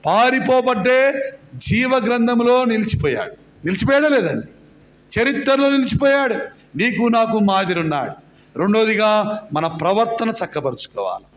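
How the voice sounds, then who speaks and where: Preacher guy, high voice, keeps asking the crowd to shout back, big echoey hall. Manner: questions the congregation and urges loud replies. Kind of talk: call-and-response sermon. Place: church meeting hall.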